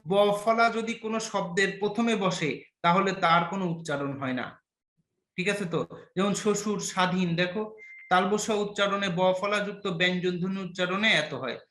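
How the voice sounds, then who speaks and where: A young male teacher gives an online class. He quizzes his students and teases them playfully. His high, bright voice sounds in an echoey room. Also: a little fast. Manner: quizzes students and praises answers, playful teasing.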